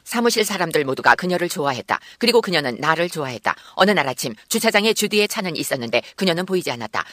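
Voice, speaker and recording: Guy reading a story out loud, fast and lively, bright dry voice. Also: on the high side, no room sound. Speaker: story reader. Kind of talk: reading a first-person story aloud.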